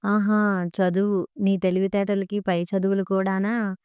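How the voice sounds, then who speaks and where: A woman's voice: mid-range voice, level tone, measured pace, smooth, no echo, natural voice. A woman voicing a scornful angry husband. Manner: shouting, mocking.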